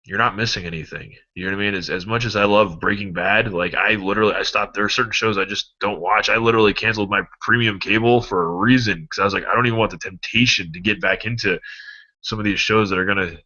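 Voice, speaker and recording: Low-voiced rambling motivational vlogger man. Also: fast. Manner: rambling, animated, swears freely. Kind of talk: casual motivational pep talk. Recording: dull lo-fi recording.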